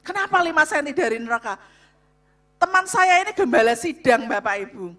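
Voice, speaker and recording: Loud, bright-voiced woman preaching. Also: high-pitched, animated, brisk. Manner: loud, emphatic, addresses audience repeatedly. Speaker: co-speaker at a church revival on marriage. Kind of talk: sermon-style talk to a congregation.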